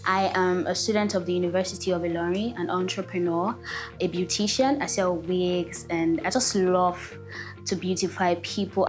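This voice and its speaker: Young woman, confident self intro, faint music behind. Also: fairly low pitch. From Nigeria. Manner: confident, promotional. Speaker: contestant.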